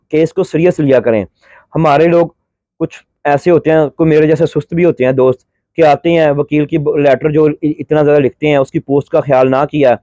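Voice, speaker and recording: A man's voice: a little high, mellow, no echo, dull audio. Earnest pleading man, dry close sound. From Pakistan. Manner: pleading, brotherly, repetitive. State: feeling unwell. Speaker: vlogger giving advice to migrants. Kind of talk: earnest advice vlog.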